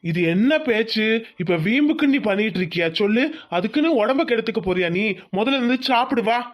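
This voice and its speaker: A woman voicing a proud, stern village farmer father in a cartoon, demanding and slow to give in. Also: on the high side, lively intonation, muffled recording. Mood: defiant. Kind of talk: cartoon voice acting.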